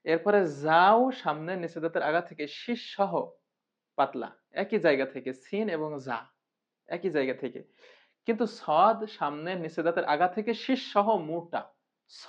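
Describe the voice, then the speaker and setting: A man's voice: on the high side, lively intonation, moderate pace, pauses often. A man teaching a Quran recitation lesson, drilling the rules in rhythmic chanted refrains and addressing viewers as dear brothers. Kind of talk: recorded online tajweed lesson. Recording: muffled lo-fi recording.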